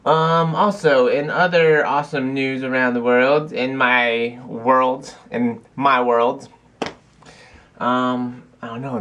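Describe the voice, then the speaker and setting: A man's voice: medium pitch, a bit bright. A young man chatting casually to camera in a video blog at home, rambling with lots of fillers and restarts. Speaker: vlogger. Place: cold house.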